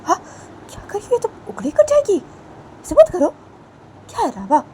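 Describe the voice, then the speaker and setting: A woman's voice: on the low side, normal speed, creaky, a little mellow, slight background noise. Baani, a woman doing a fretful pleading lover. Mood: alarmed. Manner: fussing, repeats pleas over and over.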